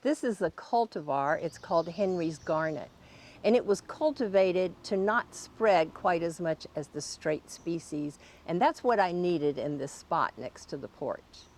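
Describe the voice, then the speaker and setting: A woman's voice: fairly low pitch, expressive, measured pace, darkish tone. A woman narrating a garden tour as host, in a plain-spoken, instructional way.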